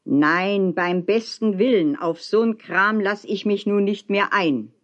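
Woman doing a gruff old bargeman. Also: medium pitch, slow pace, highs cut off, lightly acted. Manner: bellowing, blunt, grumbling. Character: gruff old male bargeman, stubborn, loud.

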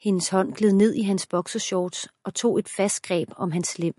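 A woman reading an erotic audiobook as narrator in a steady, even voice. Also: medium pitch, no echo, clean studio sound. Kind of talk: scripted narration.

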